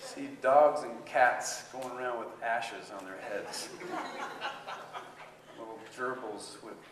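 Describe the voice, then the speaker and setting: A man playing the prophet Jonah in a comic first-person monologue, swinging from hushed asides to indignant shouting. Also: medium pitch, takes it slowly, heavy background noise, natural voice. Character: resentful, self-righteous male prophet Jonah. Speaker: solo stage performer. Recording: echoey hall picked up from far off.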